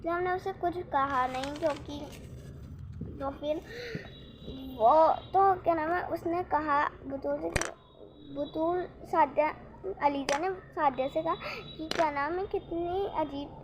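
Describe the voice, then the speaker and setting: A young woman vlogger telling a rambling, excitable story about her day in casual chat. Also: sits high, a little slow, noisy background. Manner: rambling, restarts often, excitable retelling.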